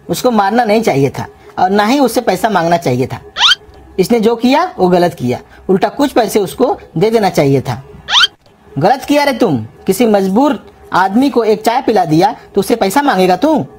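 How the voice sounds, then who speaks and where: A woman voicing a bald, self-important male street food vendor who scolds and threatens loudly in a comedy cartoon. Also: medium pitch, noisy background, natural voice. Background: music.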